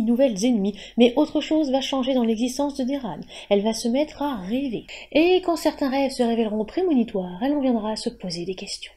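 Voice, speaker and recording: A woman's voice: high voice, mellow. A woman hosting a monthly book news show, reading in a scripted news style with playful whispered asides.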